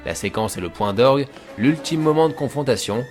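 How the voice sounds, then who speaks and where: A man's voice: medium pitch, lively intonation, fairly quick. A man hosting a film analysis show, narrating a scripted video essay in an informal way that addresses viewers directly. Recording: voice-over with music behind.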